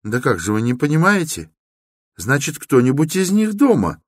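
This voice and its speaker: A man reading an audiobook, voicing an eager, excitable young law student who talks urgently and insistently. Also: medium pitch, takes it slowly, no room sound, clean studio sound, pitched above the performer's own voice, exaggerated voice. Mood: excited.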